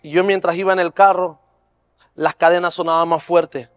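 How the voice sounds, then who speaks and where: A man's voice: sits high, little pitch movement, normal speed, clear, resonant tone, faint music behind. A man preaching at a church service, telling an emotional personal testimony in an earnest, fervent way. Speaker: preacher and youth leader. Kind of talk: sermon testimony.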